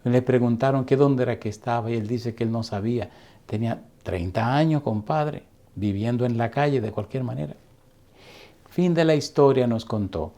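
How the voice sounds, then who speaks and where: A middle-aged male pastor telling a story in a sermon, speaking slowly and deliberately with dramatic pauses. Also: mid-range voice, mellow.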